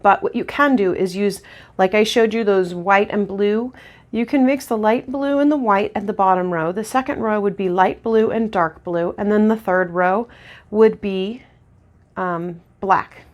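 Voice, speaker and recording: A woman demonstrating lash techniques in a casual tutorial, chatty and relaxed with lots of ums and restarts. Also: mid-range voice, unhurried. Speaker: lash artist instructor.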